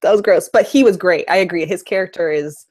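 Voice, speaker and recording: A woman co-hosting a casual fan discussion, animated and incredulous, talking in quick bursts. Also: fairly low pitch. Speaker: co-host.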